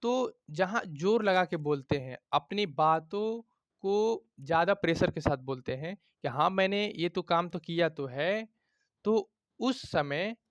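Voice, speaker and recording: A man's voice: fairly high pitch, no echo. A man teaching a grammar lesson, checking in often with his students and explaining with everyday examples.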